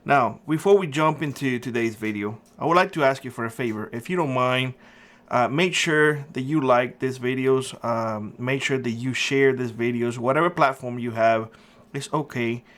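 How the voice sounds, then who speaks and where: This middle-aged Cuban host of a prepper channel speaks at normal speed with a medium-pitched, slightly bright voice. He gives an earnest, emphatic opinion monologue to camera in a casual style, often using fillers.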